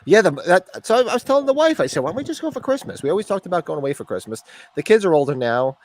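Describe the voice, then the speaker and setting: His voice sits high, sing-song and very fast: a forties-aged man, sniffly with allergies, joking profanely as he rambles in a casual chat.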